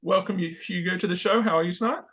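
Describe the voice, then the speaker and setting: Upbeat guy hosting an interview, bright sharp voice, a bit higher pitched. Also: quick pace, breathy edge. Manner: upbeat, affirming. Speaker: podcast host.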